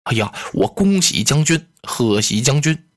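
A man's voice: a little high, sing-song, a little slow. A male storyteller voicing a cheerful, sly male general who probes with friendly words. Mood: probing.

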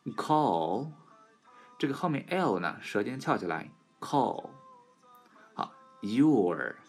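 A man recording an audio English pronunciation lesson at home, explaining in Chinese and slowly repeating English words and sentences for learners. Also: fairly low pitch. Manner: switches between Chinese explanation and English examples.

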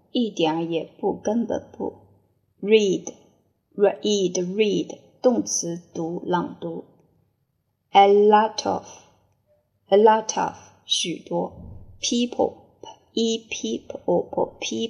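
A woman teaching English vocabulary in Chinese, saying each word three times slowly before giving its meaning. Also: mid-range voice, steady tone, gravelly, dark tone, lo-fi sound. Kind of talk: slow word-by-word spelling and dictation drill.

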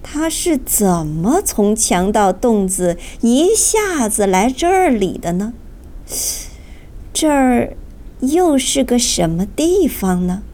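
A woman reads a children's story aloud, unhurried and drawn out, her pitch rising and falling expressively. She sits a little above the usual woman's pitch. Faint noise hangs underneath. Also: big pitch swings, mellow. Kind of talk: children's audiobook narration.

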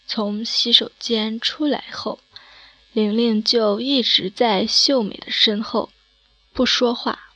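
A woman reads out a spooky tale in slow, measured narration. Her voice is bright and a little high. The recording sounds dull and dry. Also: dry recording. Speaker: storyteller. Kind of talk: scripted narration of a horror story.

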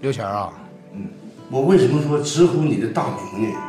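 A man's voice: mid-range voice, animated, dark tone, faint music behind, close to an everyday voice. A man playing a lecturing older man. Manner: deliberate, lecturing.

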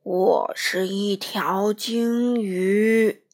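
A woman voicing a lost baby whale, a huge and tearful young male creature who speaks slowly and loudly, drawing his words out. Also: mid-range voice, steady tone, voice pushed down. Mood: booming. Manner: slow, loud and drawn out.

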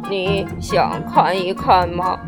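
A woman voicing a sad, slow-talking male mock turtle in a children's storybook reading, with soft music behind. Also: on the low side, flat delivery, pitched below the performer's own voice. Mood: mournful. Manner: slow and mournful.

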